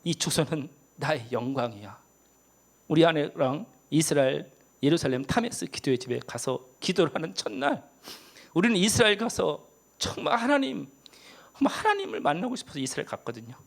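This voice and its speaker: A man in his fifties preaching an impassioned sermon as a missionary, swinging from emphatic loud peaks to hushed whispers. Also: a little high, very animated, brisk, creaky.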